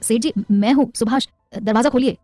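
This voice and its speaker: A woman's voice: a little high, fairly quick, warm tone, no room sound, soft background music, pitched above the performer's own voice, close to an everyday voice. A woman voicing an old man in debt who begs for help. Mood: pleading. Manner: pleading. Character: older man in debt, desperate and harsh.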